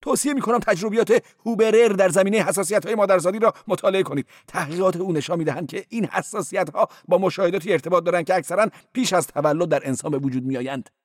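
A man's voice: high-pitched, hardly any pauses, no echo, clean studio sound, voice pushed up. A man voicing a meddlesome male church porter who giggles, gushes and lectures in a sly way. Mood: preachy, effusive.

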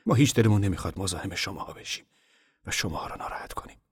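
A man voicing a humble, apologetic traveler who speaks softly in an audiobook reading. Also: low voice, animated, slightly rough, pitched above the performer's own voice, exaggerated voice. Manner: soft, hushed. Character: apologetic, humble man, weary and soft-spoken. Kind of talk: audiobook character voice.

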